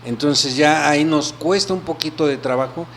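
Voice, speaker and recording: A man, an audiologist answering interview questions in an explanatory way, often checking in with a quick question. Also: a little high, fairly bright tone, a little hiss or hum. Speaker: audiologist guest.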